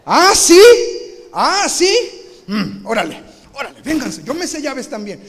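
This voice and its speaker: A man voicing his own father, a middle-aged man who gently refuses and then playfully threatens his sons. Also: mid-range voice, expressive, a little fast, a little hiss or hum, voice pushed down, close to an everyday voice. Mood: mock threatening. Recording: reverberant live church hall.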